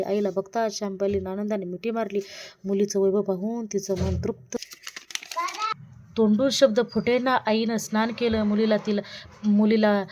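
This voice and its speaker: A woman tells an old devotional tale in an even, level voice that hardly rises or falls. Her tone is mellow and soft. She reads steadily, pausing over a word now and then and slowing down for the characters' lines. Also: medium pitch, slight background noise. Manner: reads a religious vow tale aloud, with small restarts and slowed quoted lines. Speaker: storyteller. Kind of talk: devotional story narration.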